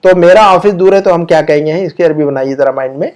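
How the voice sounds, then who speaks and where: Teaching grammar online, this Urdu-accented man is patient in his explanations, says example sentences again slowly, and questions his students. His pitch is on the high side and his voice is a little mellow.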